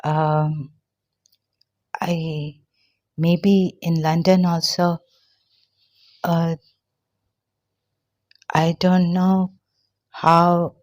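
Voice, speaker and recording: An older woman from Pakistan talks slowly and haltingly, with many fillers and pauses along the way. Her voice sits low, and she sounds a little out of breath. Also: level tone. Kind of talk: personal testimony monologue.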